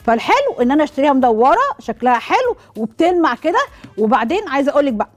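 A woman's voice: sits high, very animated, racing, faint music behind. A middle-aged woman with an Egyptian accent hosts a cooking show, demonstrating with a watermelon and asking the viewers questions she answers herself. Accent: Egyptian Arabic.

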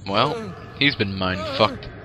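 A man's voice: fairly low pitch, takes it slowly. A young man joking and swearing as he comments on his own gameplay. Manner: joking, profane, sarcastic. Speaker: let's play gamer.

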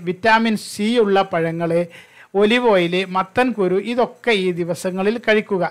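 A man with a notably high voice narrates a health lesson from a script. He keeps an even, measured delivery and reads long lists item by item without hurrying. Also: smooth. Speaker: health channel presenter.

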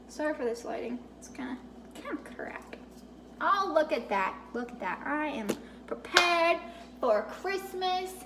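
Chatty young woman, high voice. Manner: chatty, rambling, self-deprecating. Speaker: vlogger. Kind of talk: casual haul vlog. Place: home kitchen table, indoors. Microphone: camera on table. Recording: roomy kitchen with background noise.

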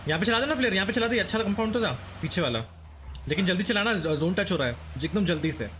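A man streaming a battle royale match, leading his squad with quick, repeated commands. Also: sits high, a little hiss or hum. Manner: fast, excitable, repeats short commands. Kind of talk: live gameplay squad chat.

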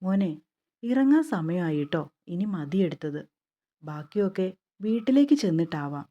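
A woman's voice: lowish voice, big pitch swings, unhurried, muffled recording. A woman reading the lines of a cheerful elder sister-in-law who coaxes and hurries the bride. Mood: coaxing.

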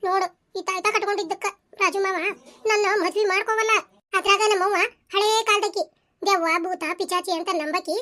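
A woman voicing a headstrong, scheming young village lady in a cartoon, petulant and sharp-tongued, with a North Karnataka Kannada accent. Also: very high voice, steady tone, a little fast. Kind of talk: cartoon voice acting.

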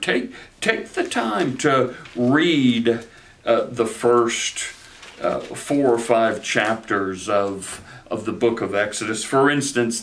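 A man in his forties, a pastor preaching a sermon from a chair in a study, animated and gesturing, often repeating words as he starts a phrase. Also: mid-range voice. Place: study with bookshelves, indoors.

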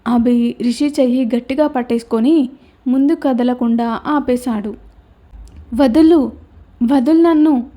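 A woman narrating a romance story in a steady, dramatic reading. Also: on the high side.

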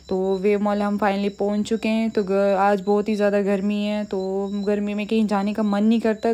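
A woman's voice: mid-range voice, warm tone. A young woman from Jammu narrating a casual shopping vlog in a chatty, listing way. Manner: chatty, listing things with lots of "vagairah" and "to guys". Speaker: vlogger.

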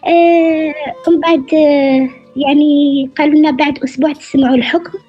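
A middle-aged woman with an Algerian accent, calling in over the phone and telling her story haltingly, with many hesitant fillers. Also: sits high, fairly even intonation, soft background music. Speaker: caller. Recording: dull phone line.

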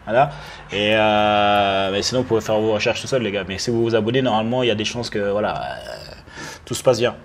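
A man's voice: fairly low pitch, fairly quick. A man hosts a casual interview over a webcam, with a faint hiss on the line. He jokes around and speaks to the viewers directly in a chatty way. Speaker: host. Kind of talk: casual interview on a video call. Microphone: video call webcam.

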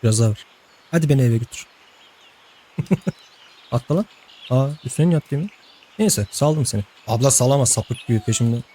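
A young man with a warm, mid-range voice provides casual let's-play commentary, talking to the game's characters and laughing often. He speaks at a moderate pace with long pauses, and there's slight background noise.

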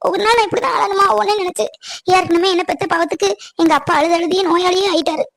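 A woman doing a tearful, gentle young woman. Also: very high-pitched, steady tone, fast talker, no room sound. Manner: pleading, sorrowful. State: crying. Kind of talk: cartoon voice acting.

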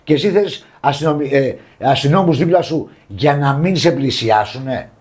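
A man co-hosting a celebrity gossip show in loose, casual chat. He sounds scornful and teasing as he mocks the stars he talks about. His voice sits at an ordinary middle pitch for a man. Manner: scornful, mocking, animated opinions. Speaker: showbiz show co-host.

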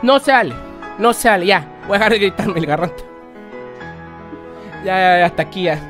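A Mexican man streaming live, ranting loudly and swearing in exaggerated complaint. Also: sits high, expressive, brisk, soft background music.

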